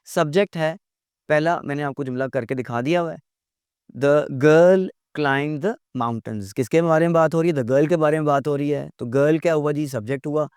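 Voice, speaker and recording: A man teaching English in a recorded lecture. He asks rhetorical questions, repeats his points and reads out the English examples slowly. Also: fairly high pitch, a little mellow, smooth, no echo, studio quality.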